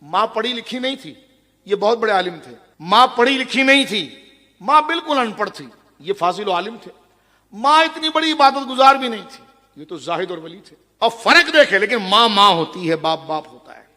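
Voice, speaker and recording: A middle-aged male preacher with a high voice delivers a religious sermon in a large gathering hall. He tells the story with passion and turns often to his listeners, his bright, forceful voice dropping to a hush and rising again. A long reverb trails each phrase. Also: lively intonation. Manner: impassioned storytelling, swinging between loud and hushed; addresses the audience directly.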